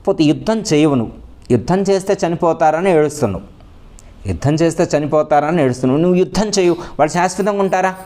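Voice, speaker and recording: A man doing a wise god gently scolding. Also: on the high side, expressive, fast talker, voice pushed up, natural voice. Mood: chiding. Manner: teasing, questioning, gently scolding. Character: wise, calm male god counselling a weeping warrior.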